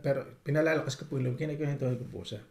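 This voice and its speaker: A man's voice: medium pitch, very fast. A young Filipino man casually and politely telling stories from his life abroad, acting out the people he quotes. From Philippines. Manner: polite, animated, acts out quotes. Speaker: vlogger. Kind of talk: casual storytelling. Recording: echoey room.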